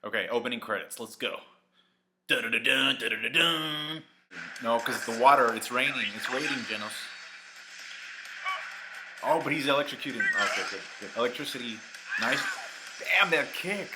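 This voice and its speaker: A man giving live reaction commentary on an anime episode, exclaiming and cheering at the screen, then reviewing more calmly. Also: medium pitch, a little fast, long pauses, background noise. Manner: calmer reflective review toward the end.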